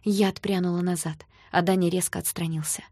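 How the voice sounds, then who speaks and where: A woman narrating a first-person novel with an expressive, emotional reading. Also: lowish voice, a little fast, breathy edge, dry recording, clean studio sound. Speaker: audiobook narrator.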